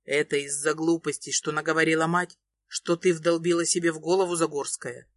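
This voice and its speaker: A woman voicing a desperate young man in love, speaking in a low pleading growl. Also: steady tone, brisk, dry recording. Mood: angry. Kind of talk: audiobook reading.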